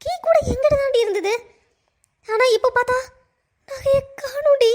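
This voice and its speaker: A woman voicing a gentle, trusting young daughter-in-law in a cartoon, pleading and tearful. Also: extremely high pitch, lively intonation, normal speed. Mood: distressed. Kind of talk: cartoon voice acting.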